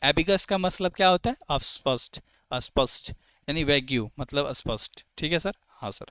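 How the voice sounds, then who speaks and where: A man teaching vocabulary for competitive exams in a lively, call-and-response way, often checking whether students have understood. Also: fairly high pitch, moderate pace, clear, resonant tone, dry recording. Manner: lively, asks students "clear है?" and answers himself. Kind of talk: Hindi exam-prep vocabulary lesson.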